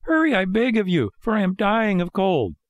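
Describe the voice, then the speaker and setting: A man's voice: sits high, very animated, normal speed, no room sound, muffled recording, voice pushed up. A man voicing an impatient, dramatic wooden marionette boy from a storybook, pleading and exclaiming. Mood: pleading, shivering. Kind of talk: storybook character voice.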